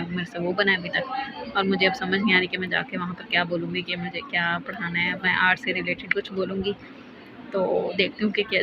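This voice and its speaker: Young woman vlogger, rambling storyteller, even monotone delivery, muffled phone audio with clear background noise. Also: on the low side. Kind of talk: casual vlog storytime.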